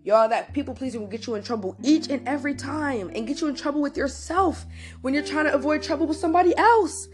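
Animated young woman telling a story. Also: high-pitched, fast, soft background music. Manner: animated, emphatic, addresses listeners directly, swears. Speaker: host. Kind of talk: casual storytelling monologue.

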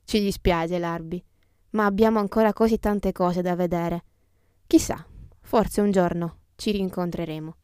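A woman's voice: fairly low pitch, fairly even intonation, measured pace, a little mellow, clear, resonant tone, no echo. A woman podcast host reading scripted travel narration in a reflective, descriptive storytelling way. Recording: music behind the voice. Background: guitar music.

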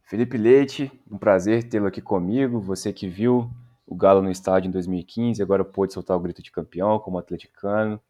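A man's voice: low-pitched, steady tone, a little fast, mellow. A Brazilian man hosting a podcast in a conversational way. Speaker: podcast host.

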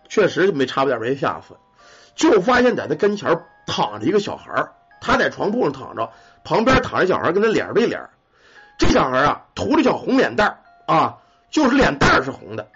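Animated man storyteller, colloquial, husky voice. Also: on the high side. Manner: colloquial, animated, swears casually. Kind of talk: spoken ghost story telling. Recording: muffled lo-fi recording.

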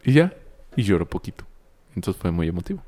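A man's voice: low-pitched, very animated, fairly quick, dark tone, a little hiss or hum. A young man with a Mexican accent in casual chat with friends, an eager storyteller who likes to argue. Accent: Mexican Spanish.

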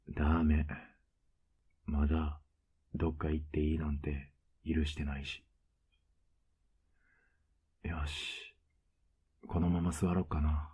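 Whispered role-play, male voice actor as a doting older boyfriend: husky, very low, flat and coaxing. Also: slow pace, pauses often, heavily acted. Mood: teasing tender. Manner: teasing, soft-spoken, coaxing.

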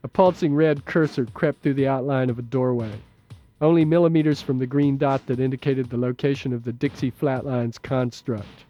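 A man narrating an audiobook in a measured, steady, low-key way. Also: lo-fi sound. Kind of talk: scripted narration.

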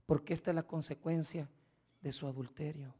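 A middle-aged man preaching a sermon as pastor, swinging from soft speech to loud shouts. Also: a little high, steady tone, moderate pace, slightly rough.

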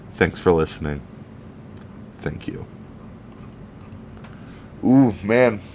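A man giving casual, excited commentary on a comic book, chatty and swearing now and then. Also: mid-range voice, slight background noise.

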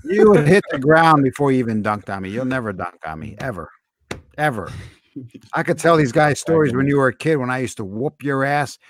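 A man's voice: medium pitch, very animated, fairly quick, no room sound. A man in his fifties from the East Coast, teasing and trash-talking in casual podcast banter over a remote call. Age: 50s. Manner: teasing, boastful trash talk. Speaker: co-host and father of a guest.

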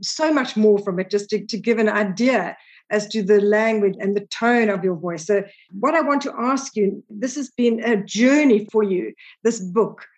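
A woman interviewing an author, asking measured, encouraging questions. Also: medium pitch, a little mellow.

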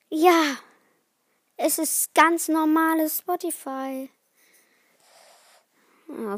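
A teenage girl chats on her own podcast, rambling from one thing to the next and restarting her words. She talks slowly in a somewhat high voice. The sound is dry and close. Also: no room sound. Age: teens. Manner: chatty, rambling, restarts often. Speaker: podcast host. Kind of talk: casual solo chat.

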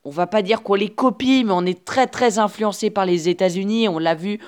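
A woman's voice: mid-range voice, darkish tone. Chatty woman podcasting into earphone mic. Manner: chatty and motivational, speaks straight to the listener; halting, with frequent restarts and filler sounds. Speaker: podcast host. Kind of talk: casual solo podcast monologue. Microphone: earphone headset mic.

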